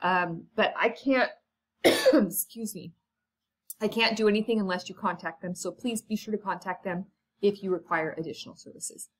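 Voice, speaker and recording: A woman's voice: mid-range voice, moderate pace, slight background noise. Casual woman teacher going over the syllabus, lots of ums and asides, coughs a bit. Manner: chatty and informal, many ums and asides. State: coughing now and then. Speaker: college instructor. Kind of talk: casual syllabus walkthrough lecture.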